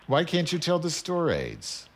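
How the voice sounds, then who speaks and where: A man's voice: on the high side, wildly swooping pitch, a little slow. A man hosting a radio show, brash and teasing, muttering to himself while he dials a phone. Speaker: radio host. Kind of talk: casual radio banter.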